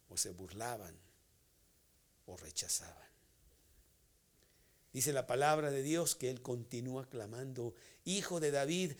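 A man with a Mexican accent preaching a sermon, swinging from loud, forceful phrases to whispered endings. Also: mid-range voice, creaky.

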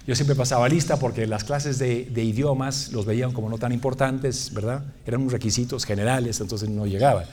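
A man's voice: medium pitch, brisk, hardly any pauses, slight background noise. A man preaching to a congregation, telling a funny personal story with lots of laughter. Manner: animated, joking, often laughing at himself. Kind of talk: humorous sermon storytelling.

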